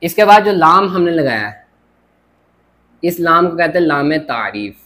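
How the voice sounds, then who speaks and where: A man's voice: on the high side, big pitch swings, a little slow, bright, forceful tone. A man teaching a grammar lesson at a board, explaining step by step and often checking with "theek ho gaya". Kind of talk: classroom lecture at a board.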